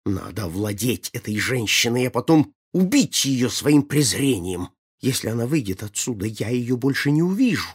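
A husky-voiced man voicing a vain, quick-tempered prince who speaks haughtily and flares up in anger, in a storybook reading. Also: mid-range voice, sing-song. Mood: brooding. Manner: haughty, prone to angry outbursts.

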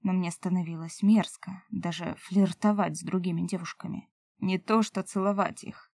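A woman reading an audiobook voices a young male elf lover who pleads softly and earnestly. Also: on the low side, steady tone, moderate pace, gravelly, no room sound. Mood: pleading.

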